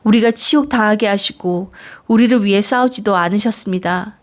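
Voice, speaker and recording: A woman reading psalms aloud in an earnest, measured way. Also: mid-range voice. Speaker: Bible reader. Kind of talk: scripture reading.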